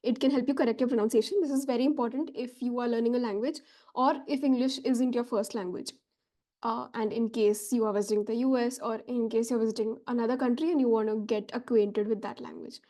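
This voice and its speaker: A woman's voice: a little high, fairly even intonation, fast talker, warm tone. A woman host chatting enthusiastically while explaining a tech feature.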